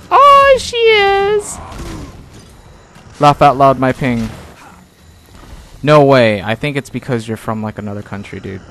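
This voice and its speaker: A man's voice: mid-range voice, normal speed, long pauses, slight background noise. A young man giving casual gameplay commentary with playful, self-mocking banter.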